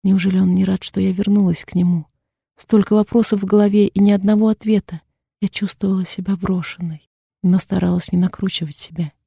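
A woman's voice: medium pitch, fairly even intonation, brisk, vocal fry, warm tone, slightly rough, dry recording, studio quality. A woman reading a first-person novel aloud as an audiobook narrator, in a subdued, introspective way. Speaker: audiobook reader.

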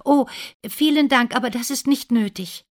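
A woman's voice: on the high side, normal speed, pitched above the performer's own voice, close to an everyday voice. A woman voicing a shy, timid young servant girl at a royal ball in a storybook reading. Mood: flustered.

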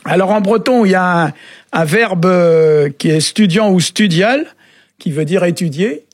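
A man explaining word meanings on a radio show in a relaxed, halting way, often pausing with filler sounds. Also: sits high, no echo, clean studio sound. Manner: halting, often adds "hein" and "euh". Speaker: Breton language expert on a radio show.

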